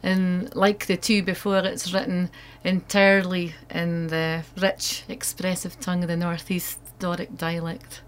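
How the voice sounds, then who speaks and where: Low, even-toned North East Scottish woman. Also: unhurried, hardly any pauses, clear, resonant tone. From North East Scotland. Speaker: author being interviewed. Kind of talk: interview answers about own work.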